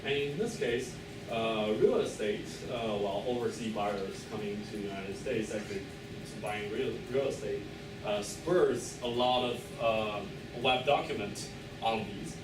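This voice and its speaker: Hesitant man presenting in an echoey room. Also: on the low side. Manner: hesitant, hedging, halting delivery with many filled pauses. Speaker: PhD candidate presenting a thesis defense. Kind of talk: academic presentation, loosely scripted. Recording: echoey room, distant mic, clear background noise.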